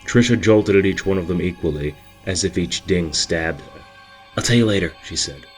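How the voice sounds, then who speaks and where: Steady and measured, a man with a deep, low voice narrates a story while soft music plays quietly beneath him.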